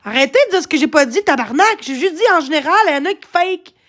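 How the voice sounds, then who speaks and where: A high-pitched woman talks fast with lively intonation and a slightly bright tone. She is a livestreamer with a Québécois French accent, rambling agitatedly in a casual rant and swearing often as she complains.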